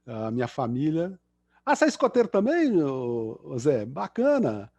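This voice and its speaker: A man's voice: fairly high pitch, wildly swooping pitch, moderate pace, a little mellow, no echo. A middle-aged man from Belo Horizonte with a Mineiro Brazilian Portuguese accent, a guest engineer chatting and cracking jokes at the end of an online lecture over a video call. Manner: chatty, self-mocking joker with many fillers.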